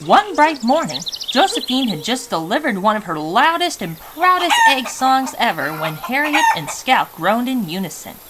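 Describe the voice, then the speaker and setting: Very animated woman storyteller. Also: a little high, normal speed, few pauses. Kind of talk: animated scripted children's story narration. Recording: faint background noise.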